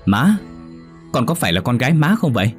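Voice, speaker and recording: A man's voice: medium pitch, sing-song, brisk, soft background music, pitched above the performer's own voice, lightly acted. A man voicing a frightened young woman who pleads and stammers. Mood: indignant. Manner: panicked, pleading.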